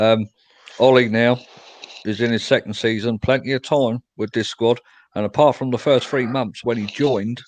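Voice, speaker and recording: A man's voice: on the low side, dry recording, poor audio. A young man hosting a casual fan chat after a match, reading out viewer comments and answering them. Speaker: fan show host.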